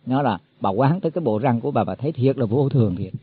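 A man's voice: mid-range voice, animated, quick pace, husky, no echo. A man giving a Buddhist sermon to monks, explaining in a folksy way and repeating his words as he goes. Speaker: Buddhist teacher. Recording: tinny phone-like, dry.

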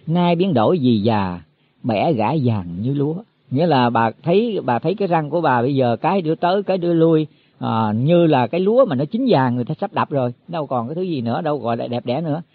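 Husky man preaching. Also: medium pitch, lively intonation, no room sound. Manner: folksy, explains slowly with many repeated words. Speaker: Buddhist teacher. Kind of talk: sermon. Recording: tinny phone-like, dry.

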